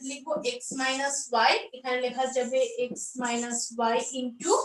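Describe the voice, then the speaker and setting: A woman's voice: sits high, fairly bright tone, recorded from a distance. A woman teaching math step by step, asking questions and then answering them herself. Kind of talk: explaining a math lesson step by step. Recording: roomy echo, voice off-mic.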